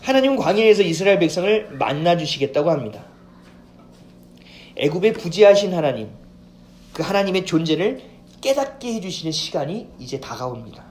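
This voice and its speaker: A male pastor preaching a sermon in an animated way, putting questions to the congregation. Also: sits high, a little fast. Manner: animated preaching, acts out quoted voices, asks congregation questions. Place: church sanctuary. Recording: echoey church hall with faint ambience.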